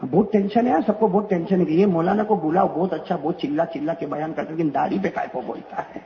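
High-pitched preacher guy, fired up, gets the crowd to answer, muffled lo-fi recording. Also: noisy background. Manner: animated, rhetorical, calls on the audience to respond. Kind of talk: sermon with storytelling.

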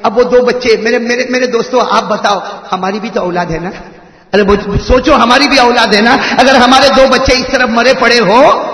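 A man preaching an emotional sermon, shifting between long shouted cries and quiet narration, calling on his listeners to answer. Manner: swings between shouted, drawn-out cries and low murmured narration; addresses the crowd directly, urging replies. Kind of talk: emotional Islamic sermon storytelling. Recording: echoey hall with long reverb.

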